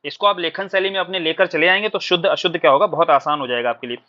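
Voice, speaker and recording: Bright-voiced man teaching a Hindi exam-prep lesson. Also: fairly high pitch, fast talker. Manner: explains patiently, asks and answers his own questions. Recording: dull lo-fi recording.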